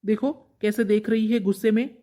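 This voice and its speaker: A woman's voice: medium pitch, steady tone, fairly quick, dark tone, natural voice. A woman voicing a harried son and husband in a cartoon, exasperated at being caught between his mother and wife. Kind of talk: cartoon voice acting.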